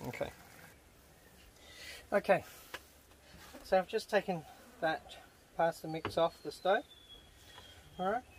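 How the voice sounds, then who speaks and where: A man's voice: high-pitched, slow, pauses often. A man casually talking through a camp cooking recipe step by step, filmed in a tent camp kitchen. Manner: relaxed, chatty step-by-step instructions. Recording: noisy outdoor camp recording.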